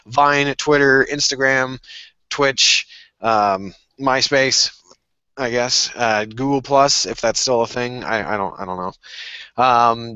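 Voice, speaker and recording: A man's voice: medium pitch, sharp tone, dry recording, lo-fi sound. A man hosting a casual podcast, joking crudely and rambling through sign-offs. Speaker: podcast host.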